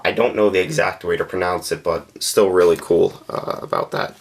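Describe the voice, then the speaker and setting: A man with a deep, low-pitched voice walks through a scale model in a casual review. He speaks plainly and candidly, stopping often to fill gaps with small hesitations as he points things out. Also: steady tone. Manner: hesitant and unscripted, frequent "um" and "uh" pauses. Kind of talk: casual product review narration.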